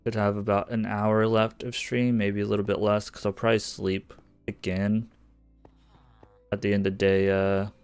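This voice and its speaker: A man's voice: fairly low pitch, little pitch movement, moderate pace, darkish tone, smooth, dry recording. A man streaming a survival game, chatting casually and muttering to himself, now and then swearing under his breath when things go wrong. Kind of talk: casual gameplay commentary. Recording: lofi music faint behind.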